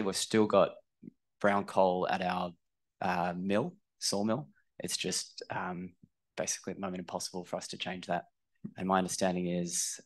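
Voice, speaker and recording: A man from a timber manufacturer answering on a panel in a relaxed, conversational way with many fillers. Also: low-pitched.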